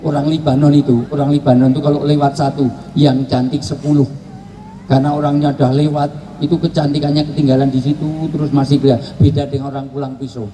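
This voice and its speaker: A man's voice: fairly high pitch, quick pace, slight background noise, poor audio. A man preaching a humorous sermon to a live gathering, joking and acting out quoted voices. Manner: joking, animated, acts out quoted voices and shouts.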